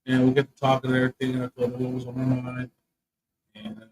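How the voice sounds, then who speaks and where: A man's voice: mid-range voice, monotone, fast talker, noisy background. A man, a comedian and co-host, in casual chat, telling a personal story with profane, emphatic asides.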